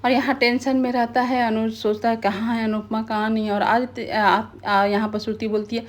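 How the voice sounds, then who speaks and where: Woman recapping a tv serial, pretty monotone, steady and chatty. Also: a little high, moderate pace. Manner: flat, steady retelling with colloquial asides. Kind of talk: casual storytelling recap.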